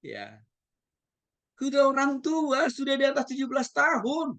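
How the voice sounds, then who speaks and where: A man who is a pastor, lecturing at a Bible school in an animated way and often addressing his listeners directly. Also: very high-pitched, a little slow. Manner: animated, demonstrates tones of voice, addresses the audience often. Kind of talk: theology lecture.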